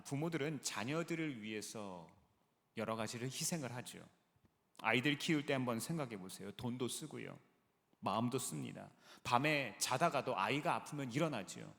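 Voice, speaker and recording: A male pastor preaching a sermon, with lively delivery and rhetorical questions put to the congregation. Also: mid-range voice. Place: large church sanctuary. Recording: long reverb of a large sanctuary.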